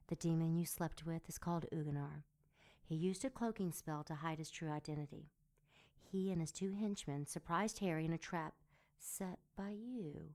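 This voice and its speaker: In an audio drama, a woman voices a sardonic, seductive succubus demon, deliberately sultry and mocking. Her voice is low, creaky, and mellow.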